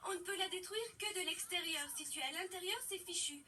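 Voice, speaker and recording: A woman's voice: very high-pitched, a little fast, sharp tone, far from the mic, a little hiss or hum. A woman voicing an earnest, dramatic queen of the ocean in a children's cartoon. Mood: plaintive. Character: plaintive, grateful queen of the ocean. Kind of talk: French-language children's cartoon dubbing.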